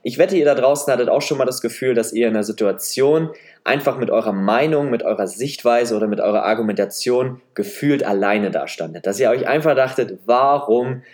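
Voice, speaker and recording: Fairly quick and darkish-toned, this mid-range nasal voice comes from a man in his twenties from Leipzig, eastern Germany, who has a slight Saxon accent. He hosts his own podcast through a podcast microphone, giving a semi-scripted solo monologue that is chatty and self-deprecating.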